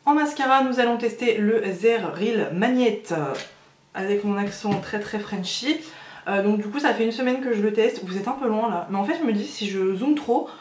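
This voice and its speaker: A woman's voice: mid-range voice, moderate pace, roomy sound, slight background noise. A woman chatting casually through a makeup tutorial, gushing over each product with lots of hesitations. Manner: chatty and gushing, many fillers. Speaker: beauty vlogger.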